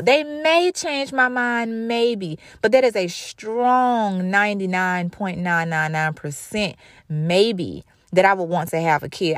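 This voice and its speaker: A woman's voice: medium pitch, fairly bright tone, dry recording, studio quality. A woman in her thirties hosting her own talk show, speaking candidly and emphatically, often repeating phrases for stress. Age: 30s. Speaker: show host. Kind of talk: casual monologue.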